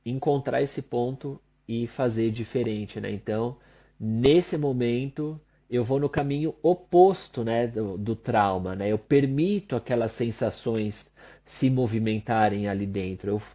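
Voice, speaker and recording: A man talks on a podcast, his voice husky and mellow. He speaks reflectively, closing phrases with questioning tags. The recording sounds a little dull and lo-fi. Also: medium pitch, a little slow. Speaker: podcast co-host. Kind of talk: casual podcast chat.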